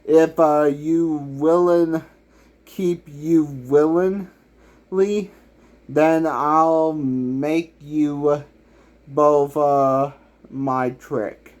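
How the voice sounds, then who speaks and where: A man giving unscripted commentary as a YouTuber, halting and filling nearly every pause with "uh" as he restarts his sentences. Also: fairly high pitch, steady tone, darkish tone. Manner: halting, full of "uh" fillers and restarts. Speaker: YouTuber ranking villain songs.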